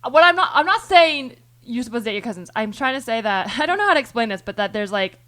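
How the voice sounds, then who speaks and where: A woman's voice: on the high side, expressive, fast, a bit bright. A woman hosting a podcast, thinking aloud in long rambling turns full of restarts and the odd swear word. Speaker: podcast host. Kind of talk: casual chat.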